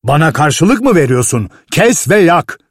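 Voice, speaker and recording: A man voicing a harsh, cursing male mine foreman who barks orders, in a husky voice, in a read-aloud story. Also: medium pitch, expressive, moderate pace, dry recording, clean studio sound. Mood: furious. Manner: shouting, barking orders. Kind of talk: audiobook reading.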